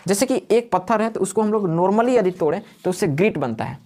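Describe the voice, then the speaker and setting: Guy teaching a class quick, asks stuff then answers it himself over and over. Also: high voice, lively intonation, darkish tone. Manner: asks questions and answers them himself, repeating key words. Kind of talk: live classroom lecture. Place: classroom with students.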